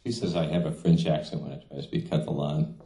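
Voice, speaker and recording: Seated at a stand mic in a small, echoey venue, a middle-aged man who works as a translator speaks casually at a reading, with many fillers and restarts. He has a very deep, mellow voice with little pitch movement, and he talks fast.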